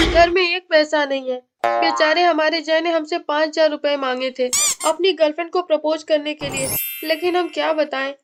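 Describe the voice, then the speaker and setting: A woman's voice: sits high, natural voice. A woman voicing a scheming, stingy male police inspector in a cartoon comedy, with a wheedling, sly manner. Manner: wheedling, sly, mutters insults aside. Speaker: cartoon character voice. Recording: loud music bed under voice.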